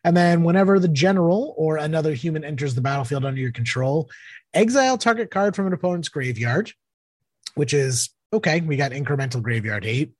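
A man with a Boston accent co-hosting a podcast, chatting casually about card games and thinking aloud haltingly. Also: a little high, expressive, breathy edge, dry recording. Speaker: podcast co-host. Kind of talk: casual banter and card game commentary.

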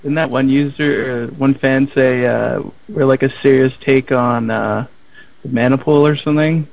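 A man's voice: medium pitch, steady tone, moderate pace, gravelly. A man in a casual podcast chat, hesitant and full of fillers. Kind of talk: casual chat over a video call. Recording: dull, lo-fi call audio.

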